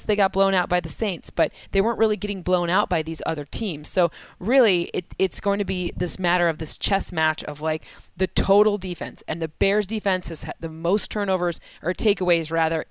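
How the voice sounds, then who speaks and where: A smooth-voiced woman co-hosts a sports podcast, breaking down football stats in a casual analysis chat. Speaking at medium pitch with no echo, she rattles off numbers rapidly, laughs easily, and corrects herself as she goes.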